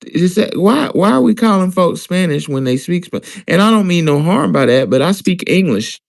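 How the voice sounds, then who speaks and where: A man's voice: high-pitched, expressive, normal speed, gravelly. A man from Alabama with a Southern American accent, hosting a casual discussion in a conversational, questioning way. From Alabama, US Deep South. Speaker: host.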